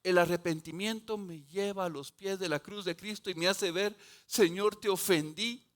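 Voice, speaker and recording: A man preaching a sermon as pastor, slow and emphatic, rising to fervent passages. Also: high-pitched, a bit bright. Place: church sanctuary.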